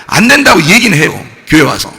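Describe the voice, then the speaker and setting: A male pastor preaching in an animated, questioning way, his bright voice rough with gravel. He swings high and wide in pitch. His words ring out with a long echo through a church hall. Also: fairly quick. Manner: animated, rhetorical questions to the congregation. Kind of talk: sermon.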